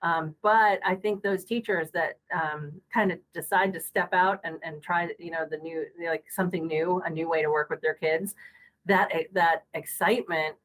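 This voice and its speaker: A middle-aged woman in casual podcast conversation, her voice sitting a little low. She talks earnestly, circling back with fillers and restarts as she thinks aloud. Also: steady tone, moderate pace, a bit bright, poor audio. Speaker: guest, school district technology leader.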